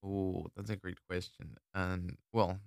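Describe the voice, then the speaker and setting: A man's voice: low-pitched, flat delivery, takes it slowly, gravelly, no room sound, studio quality. A young man, chatting in a laid-back, thoughtful way as a student guest. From Ecuador. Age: 20s. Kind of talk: casual chat.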